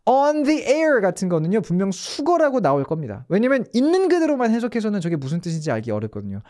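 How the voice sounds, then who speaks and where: A man's voice: sits high, huge pitch swings, fast talker, a little mellow. A man teaching English in Korean in a casual online lesson, explaining step by step with rhetorical questions.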